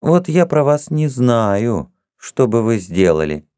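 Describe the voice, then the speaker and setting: A man's voice: medium pitch, very animated, slow, mellow, smooth, no room sound, clean studio sound, voice pushed up. A man voicing a proud, teasing young princess in an audiobook reading, with a haughty, mocking manner.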